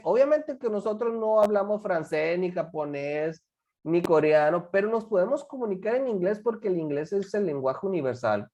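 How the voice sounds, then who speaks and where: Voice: mid-range voice, warm tone. An English teacher giving a classroom lesson, repeating and acting out example phrases. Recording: dull lo-fi recording.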